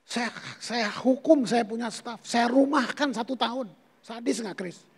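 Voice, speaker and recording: A man's voice: very high-pitched, unhurried, a little mellow, breathy edge. A pastor preaching a sermon to his congregation, telling personal stories and calling them "saudara". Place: church sanctuary. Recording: long church hall reverb.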